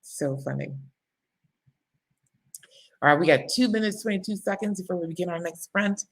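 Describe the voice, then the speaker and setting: A woman with a low, husky voice hosts a casual livestream as a book coach. She chats freely, laughs often and reads out viewer comments. There is a gravelly edge to her speech. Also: normal speed. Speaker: book coach hosting live writing sprints. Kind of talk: casual live-stream chat.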